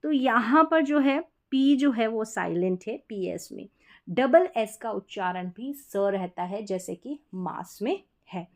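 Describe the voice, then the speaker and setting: A woman's voice: on the high side, lively intonation, slow pace. A woman teaching English pronunciation, explaining patiently step by step and repeating example words. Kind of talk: explanatory lesson.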